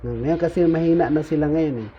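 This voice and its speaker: A man explaining levels of membership in an informal talk, pausing often on fillers and tagging lines with "no?". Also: on the high side. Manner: frequent "no?" tag questions, halting with fillers. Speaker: speaker explaining insurgent recruitment levels. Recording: dull lo-fi recording with faint noise.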